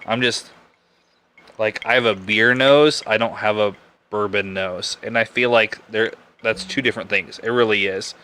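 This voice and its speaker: A young man talks casually as a podcast host, rambling and backtracking in a relaxed way. His voice sits a little low, but it has a bright, forceful edge and a smooth, crisp clarity. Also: normal speed. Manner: rambling, laid-back, self-correcting. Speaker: podcast host reviewing bourbon. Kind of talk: casual live-stream chat.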